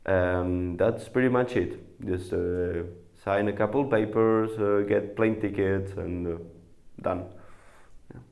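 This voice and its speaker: Young man with a low gravelly voice. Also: steady tone, darkish tone. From Spain. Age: 20s. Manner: halting, many pauses and fillers. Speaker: volunteer. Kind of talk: interview to camera.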